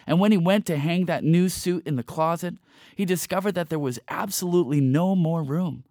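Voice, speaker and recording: A man narrating a storybook tale with a playful, expressive reading. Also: on the high side, normal speed, no echo, clean studio sound.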